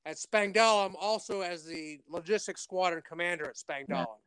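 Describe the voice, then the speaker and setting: An older man reminiscing as an interview guest, restarting his sentences and acting out what others said. His voice is high-pitched and resonant, and the sound is dry and close. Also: normal speed, a bit bright, clear, resonant tone, no echo. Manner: rambling, many restarts, quotes others in dialogue. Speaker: interview guest, retired Air Force officer. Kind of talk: casual spoken interview.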